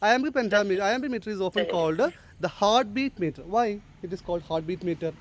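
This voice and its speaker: A male teacher giving a classroom lecture, explaining step by step, quizzing his students and reading English lines slowly and deliberately. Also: sits high, lively intonation. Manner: explains, then asks the class to answer.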